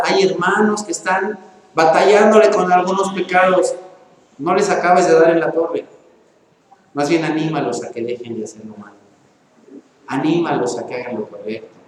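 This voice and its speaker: A man preaches into a microphone in a church hall, his voice pitched fairly high for a man. He talks to the congregation like a neighbor, tossing questions at them and playing out little back-and-forth scenes. The room is very echoey with a long reverb tail over a faint background hiss. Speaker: pastor. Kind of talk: sermon. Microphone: handheld or stand microphone.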